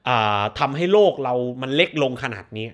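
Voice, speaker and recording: A man's voice: mid-range voice, animated, fairly quick. A man hosting a movie review show, ranting casually in a crude, profane, sarcastic way.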